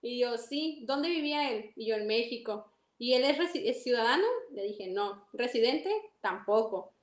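A young woman with a Mexican accent tells her story animatedly and acts out each exchange with a high, bright voice. Her voice rings in an echoey room. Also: moderate pace. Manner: animated, acts out dialogue, laughs often. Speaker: interview guest. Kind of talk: casual storytelling.

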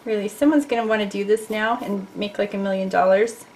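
A woman's voice: medium pitch, steady tone, brisk, darkish tone, slight background noise. A middle-aged woman teaching a casual drawing lesson, chatty and playful, talking to her viewers as she sketches at a desk. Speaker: art teacher.

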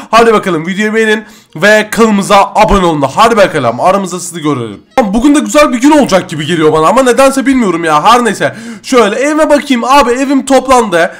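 A man hosting a game roleplay video, chatting excitably with slangy asides to viewers. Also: sits high. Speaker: gaming channel host. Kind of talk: Minecraft roleplay commentary.

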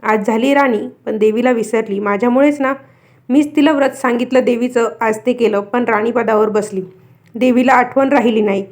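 A woman's voice: steady tone, darkish tone, lightly acted. A woman voicing an angry old beggar woman. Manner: slow, coughing, low-voiced. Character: old woman goddess in disguise, stern and offended.

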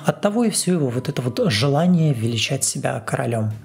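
Gravelly man telling a sarcastic story. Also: medium pitch, big pitch swings, quick pace. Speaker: former TV reporter. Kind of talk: narrated video monologue.

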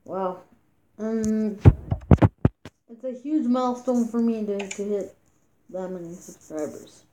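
A woman YouTube gamer talks casually while playing a mobile game, captured on her phone's screen recorder mic in a very noisy recording. She speaks slowly at a medium pitch, stumbling and repeating herself with plenty of fillers.

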